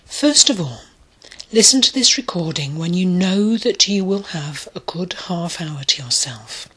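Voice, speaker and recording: A woman leading a guided meditation in a soft, soothing voice that often drops to a breathy near-whisper. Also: fairly low pitch, animated, unhurried. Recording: clear music bed behind the voice.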